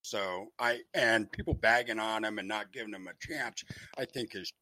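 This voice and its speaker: A man's voice: fairly low pitch, moderate pace, pushed and bright, dry recording. An Australian man calling in to a sports talk show on a crackly phone line that fades in and out, hesitant but firmly opinionated. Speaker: caller.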